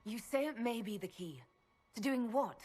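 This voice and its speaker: A woman's voice: fairly high pitch, expressive, normal speed, darkish tone, lightly acted. An actress playing a shaken, bewildered young female elf prisoner in a dramatic video game, hesitant and questioning. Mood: wary, questioning. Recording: long hall reverb, music behind.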